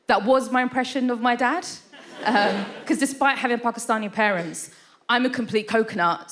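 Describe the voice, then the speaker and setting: A woman in her thirties performs stand-up on a theatre stage before a live audience, chatty and self-deprecating, often slipping in "right?" asides. Her voice is mid-range and a bit bright, with a little hiss or hum in the recording.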